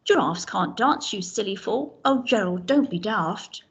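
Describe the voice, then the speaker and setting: A woman voicing a crowd of jungle animals in a picture book, calling out loudly. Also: mid-range voice, animated, a little slow, gravelly, highs cut off. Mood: mocking.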